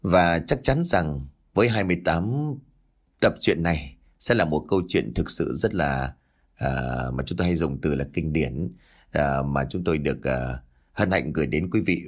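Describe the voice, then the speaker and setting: A man hosting and narrating a ghost story in a lively, dramatic reading style. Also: very deep voice, normal speed. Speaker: storyteller and channel host.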